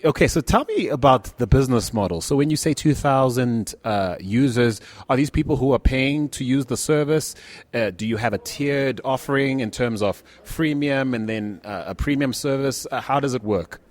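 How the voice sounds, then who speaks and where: Guy hosting the interview, upbeat, lively questions. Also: mid-range voice, moderate pace, no room sound. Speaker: interviewer host. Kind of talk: interview chat.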